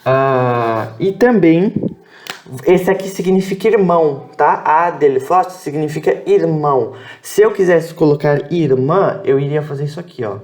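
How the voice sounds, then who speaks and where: A Brazilian man teaches a beginners' class at a whiteboard, speaking very slowly and patiently in a slightly high voice. He spells out sounds syllable by syllable and checks in with his students often. He corrects himself aloud as he goes. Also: darkish tone. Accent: Brazilian Portuguese. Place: improvised room with background noise.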